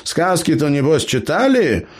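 A man's voice: fairly high pitch, very animated, a little slow, pitched above the performer's own voice. A man voicing a boastful, crafty old bearded gnome in an audiobook, with folksy theatrical speech. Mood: storytelling. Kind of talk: audiobook character voice.

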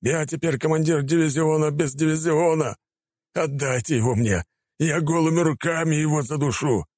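A man's voice: on the high side, moderate pace, darkish tone, no room sound, voice pushed up, close to an everyday voice. A man reading an audiobook, voicing a burly male soldier screaming in rage. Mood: furious. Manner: screaming, enraged.

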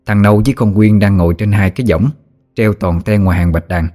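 Nam kể truyện giọng miền Nam trầm. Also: male voice, fairly low pitch, fairly even intonation, fairly quick, dark tone, faint music behind. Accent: Southern Vietnamese. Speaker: storyteller. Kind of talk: audiobook narration.

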